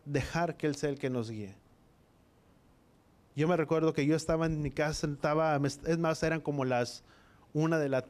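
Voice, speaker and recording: A man preaches to a church congregation, telling his own story of faith. His voice sits a little high for a man, and he acts out the dialogue of his memories with earnest feeling. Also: darkish tone. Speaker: preacher giving a testimony. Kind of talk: sermon testimony.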